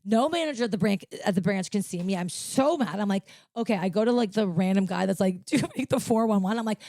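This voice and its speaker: A woman's voice: mid-range voice, quick pace, dark tone, dry recording. A young woman co-hosting a casual podcast, telling a story animatedly and acting out both sides of a phone call. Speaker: podcast co-host. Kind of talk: casual chat.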